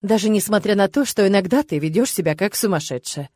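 A woman's voice: medium pitch, animated, quick pace, a little mellow, dry recording, natural voice. Brief: woman doing a young noble husband, firm and patient, dry close audiobook read. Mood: firm coaxing.

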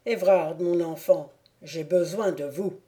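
A woman reading the part of a stern, persuasive older count speaking to his son in an audiobook, with measured, solemn delivery. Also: fairly low pitch, dark tone.

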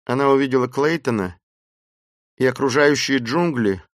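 A man reads an adventure story aloud in a mid-pitched voice, steady and expressive. The recording is dry and close, with no room echo around him. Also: moderate pace. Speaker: audiobook narrator. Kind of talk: dramatic storybook narration.

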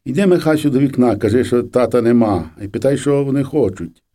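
A man's voice: medium pitch, a little fast, mellow, close to an everyday voice. A man reading the part of a frightened village mother who pleads anxiously with soldiers. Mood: urgent.

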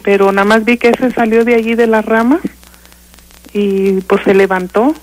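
An older woman with a Mexican accent, calling in to a radio show and haltingly telling a ghost story, full of fillers and restarts. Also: on the high side, fairly even intonation, a little mellow, rough recording. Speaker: caller.

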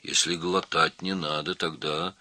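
A man voicing a slow, doubtful and touchy male boa in a storybook reading, low, hushed and grumbling. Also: little pitch movement, no room sound, full character voice.

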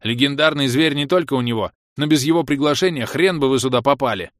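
A man's voice: mid-range voice, fast, no echo, studio quality, pitched above the performer's own voice, natural voice. A man voicing an indignant young woman in an audiobook. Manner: indignant, heated. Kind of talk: audiobook character voice.

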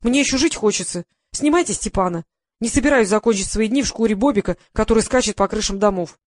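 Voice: mid-range voice, fast talker, dry recording, clean studio sound, natural voice. An audiobook reader voicing a young woman who flusters and protests as she refuses a dangerous stunt. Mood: indignant. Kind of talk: first-person heroine in audiobook.

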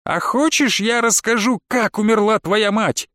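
A man's voice: high-pitched, measured pace, pushed and bright, no room sound, clean studio sound, voice pushed up. Man doing a shrieking undead witch stepmother. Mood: sweet, mocking. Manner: singsong, purring, taunting, shrieks. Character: undead witch stepmother, over forty, coquettish, cruel.

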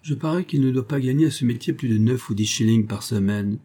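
A man voicing an eager, warm-hearted young English gentleman who speaks up earnestly for a friend. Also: mid-range voice, brisk, natural voice. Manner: earnest, indignant in defence of a friend. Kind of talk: audiobook character voice.

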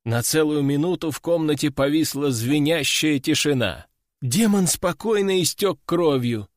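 Guy reading an audiobook, animated and sardonic, a bit high, dry. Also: no echo. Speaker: audiobook narrator. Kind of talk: expressive audiobook narration.

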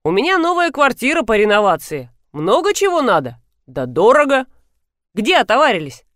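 An easygoing male traffic inspector chats in a relaxed, folksy way, as a woman acts him out. The sound is dry and close, and the pitch moves a lot. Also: moderate pace, dry recording. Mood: chatty.

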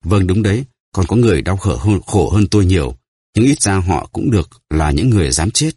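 A man voicing a terrified, starving greedy prisoner who pleads and stammers, in a husky voice. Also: low-pitched, expressive, a little fast, warm tone, no room sound, clean studio sound. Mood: pleading.

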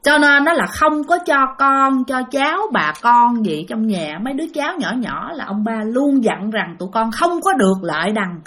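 A woman with a Southern Vietnamese accent tells a ghost story in a high, animated voice. She speaks straight to her listeners and repeats phrases for effect. Her pitch swings widely through the telling. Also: moderate pace, few pauses.

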